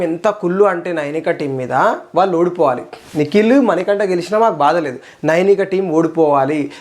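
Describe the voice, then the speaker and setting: Fired-up fast-talking Telangana Telugu man. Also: high-pitched. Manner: fired-up and indignant, repeats phrases for emphasis. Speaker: reality show reviewer. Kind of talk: casual rant-style episode review.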